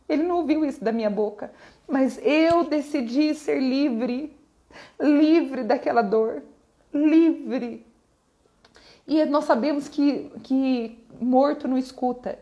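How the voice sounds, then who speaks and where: A woman's voice: high voice, slow, warm tone, muffled recording. A woman from Brazil preaching an emotional sermon testimony on a live stream, repeating phrases for emphasis.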